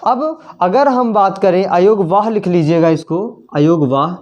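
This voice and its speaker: A male teacher giving a slow classroom lesson, often repeating words while he writes on the board. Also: high-pitched, animated, a little mellow, dull audio. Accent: Hindi.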